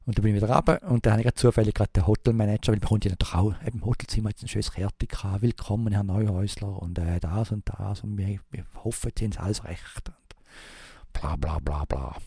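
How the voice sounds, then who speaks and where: A man with a Swiss German accent rambles quickly through an anecdote, pausing on fillers and restarting his sentences. His low voice is gravelly and dark. The recording is dry and close. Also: fairly even intonation, no echo. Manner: rambling, halting, many fillers and restarts, imitates thumping sounds. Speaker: storyteller. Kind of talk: casual spoken anecdote.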